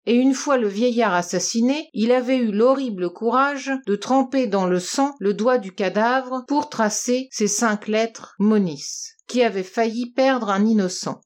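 A woman reading a classic novel aloud as an audiobook, with measured, clear storytelling. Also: on the high side, darkish tone. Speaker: audiobook reader.

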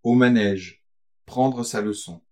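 A man reading aloud, voicing a saucy, quick-witted young maid in an audiobook, pert and mocking. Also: medium pitch, warm tone, natural voice.

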